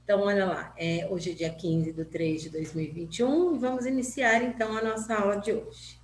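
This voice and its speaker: A Brazilian woman teaching children from home while sick, her voice muffled behind a face mask. She speaks slowly and patiently, checking in often. The room is echoey, with a faint hum behind her. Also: medium pitch, fairly even intonation. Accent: Brazilian Portuguese. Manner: slow, patient, with many "né?" and "tá?" checks. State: ill with covid, wearing a face mask. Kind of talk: recorded remote lesson for children.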